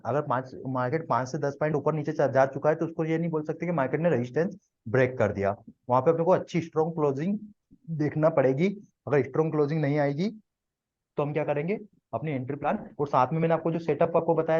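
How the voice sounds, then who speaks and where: A man's voice: fairly high pitch, fairly even intonation, fast, darkish tone, dull audio. A man teaching a live trading class to students, explaining step by step and often checking that they follow.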